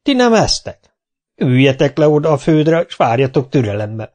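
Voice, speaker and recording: A man voicing a blunt, stout-hearted medieval warrior who gives booming, old-fashioned commands in a storybook reading. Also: sing-song, a little mellow. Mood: commanding.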